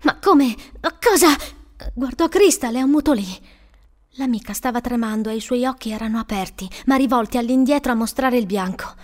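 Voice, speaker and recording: A woman narrates a novel in a calm, measured way, with a fairly high voice. She reads clearly and steadily, keeping the story moving. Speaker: audiobook narrator. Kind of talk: scripted narration.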